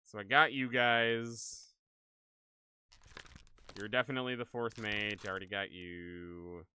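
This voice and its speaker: A man livestreaming a video game, chatting casually and excitably with viewers in an animated, exclaiming way. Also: fairly low pitch, measured pace, smooth. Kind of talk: casual livestream gaming chat and commentary.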